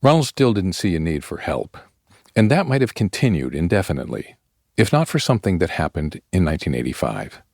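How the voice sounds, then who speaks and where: A man narrating a podcast story in a measured, scripted storyteller's delivery. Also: low-pitched, very animated, darkish tone, dry recording, studio quality.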